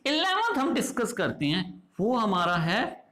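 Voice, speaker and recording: In classroom style, a man teaches English phonetics, repeatedly asking his listeners questions and answering them himself, checking in with short asides and saying example words slowly, more than once. His high-pitched voice is pushed and bright, with big swings in pitch.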